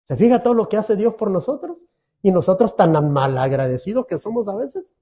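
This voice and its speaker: A man's voice: high voice, expressive, a little fast, dark tone. A middle-aged man preaching a sermon as pastor, earnest and pleading, often asking his congregation questions.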